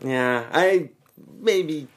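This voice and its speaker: A young man appearing as a guest critic on a film podcast, speaking haltingly with frequent fillers. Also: fairly high pitch. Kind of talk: casual film chat.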